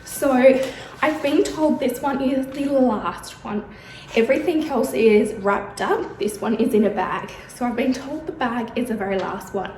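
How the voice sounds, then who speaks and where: Speaking in a slightly high, slightly mellow voice, an Australian woman vlogs casually from her bedroom at a somewhat slow pace. She is chatty and full of ums, a bit breathless because she's in pain. The recording has an echoey room sound and a little hiss or hum.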